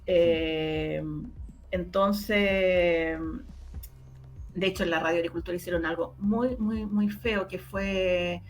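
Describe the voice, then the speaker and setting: Slow and steady, a woman with a lowish voice reminisces while faint music plays behind. She's an interview guest and radio drama producer with a Chilean Spanish accent, chatting casually and repeating words to emphasize them.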